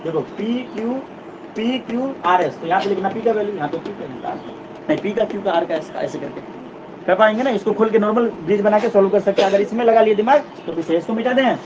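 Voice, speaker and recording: A man's voice: high voice, fast talker. A man teaching physics. He explains step by step, repeats key points and checks that his students follow. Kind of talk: classroom lecture. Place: classroom. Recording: distant, dull, noisy classroom recording.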